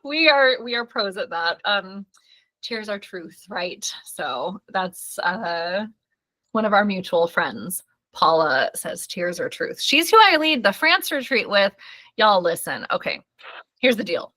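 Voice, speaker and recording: A bright-voiced woman wraps up a live online workshop she is hosting. She talks effusively and reassuringly, addressing the viewers directly. The sound has the feel of a video call mic. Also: mid-range voice, animated, slow pace. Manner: effusive, affirming, talks straight to the audience. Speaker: workshop host and studio founder.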